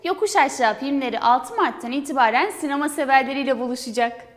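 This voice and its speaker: A woman's voice: high-pitched, fast talker. A young woman co-presenting film news for university television, reading her script formally. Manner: formal read-aloud delivery. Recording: hall reverb.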